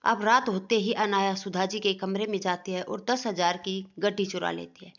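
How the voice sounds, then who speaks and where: A woman narrating a family moral story in a steady, plain storytelling voice. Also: mid-range voice, moderate pace. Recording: dull lo-fi recording.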